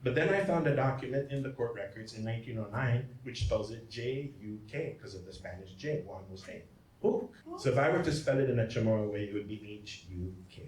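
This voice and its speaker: A man's voice: mid-range voice, expressive, fairly quick, a little mellow. A man, a priest, giving a lecture at a symposium in a jokey, digressive way, often checking in with his audience by asking "okay?" and "right?". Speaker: priest giving a genealogy talk. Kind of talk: lecture presentation. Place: hall at a symposium. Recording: echoey hall, from far off, faint noise.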